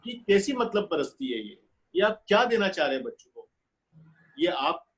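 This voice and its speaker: A man's voice: a little high, rough recording. Man lecturing with rising passion. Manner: impassioned, rhetorical questions, swings between raised and hushed delivery. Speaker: webinar speaker on parenting. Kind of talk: earnest lecture. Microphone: webinar call audio.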